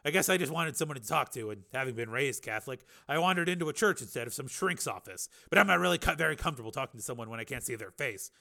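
A man's voice: mid-range voice, expressive, quick pace, vocal fry, few pauses, sharp tone. A man voicing a weary, blunt middle-aged cop in an audiobook reading, with hesitant, dry, self-deprecating delivery. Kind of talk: audiobook dialogue.

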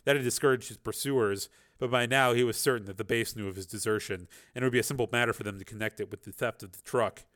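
A man's voice: medium pitch, fairly even intonation, fast, hardly any pauses, a bit bright. A man reading an action novel aloud as a dramatic, intense narrator. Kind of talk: dramatic audiobook-style narration.

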